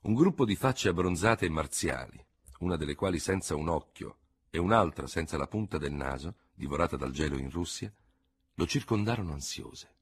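Male narrator, low husky voice, measured dramatic storybook reading. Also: lively intonation. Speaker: audiobook narrator. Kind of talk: scripted narration.

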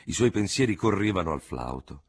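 A man reading a novel aloud as the narrator, with an expressive storytelling delivery. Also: sits low, a little fast, husky. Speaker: audiobook narrator. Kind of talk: scripted literary narration.

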